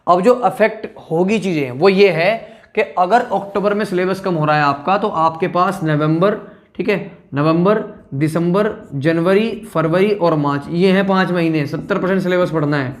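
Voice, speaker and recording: A man's voice: high voice, moderate pace. A male teacher giving exam advice to students in a blunt, scolding way, checking in with them again and again. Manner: blunt, scolding, keeps asking "ठीक है ना".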